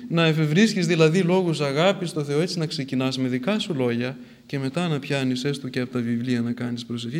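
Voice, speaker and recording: A man giving a sermon, moving between plain storytelling and emphatic, formal recitation. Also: mid-range voice. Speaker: preacher. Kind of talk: sermon retelling a saint's life.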